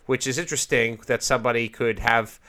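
A man's voice: mid-range voice, fairly even intonation, brisk, sharp tone. A man hosting a political talk show, speaking conversationally in a wordy, emphatic way with rhetorical repeats. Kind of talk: conversational broadcast interview about politics.

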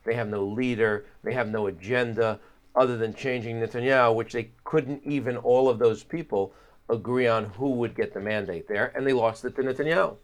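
A male guest analyst with a medium-pitched voice, giving conversational commentary in an interview. His delivery is wry and halting, often circling back to repeat words. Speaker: guest political analyst and pollster.

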